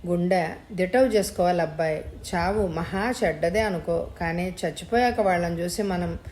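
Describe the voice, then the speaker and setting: A woman voicing a rough but kind-hearted male cemetery watchman who consoles a grieving boy. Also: on the low side, moderate pace, a little hiss or hum, close to an everyday voice. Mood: consoling. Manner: gruff but gentle consoling.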